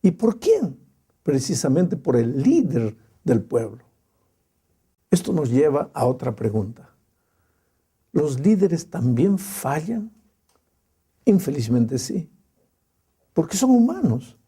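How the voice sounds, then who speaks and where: A male pastor preaching a sermon in a slow, emphatic way with dramatic pauses. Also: fairly high pitch, very animated, warm tone, husky.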